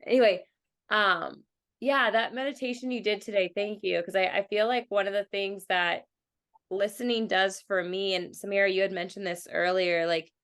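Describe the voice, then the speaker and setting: A woman's voice: mid-range voice, steady tone, normal speed, fairly bright tone, smooth. A woman sharing her experience of a meditation with a group on a video call, chatty and enthusiastic. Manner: chatty, heavy use of "like", enthusiastic.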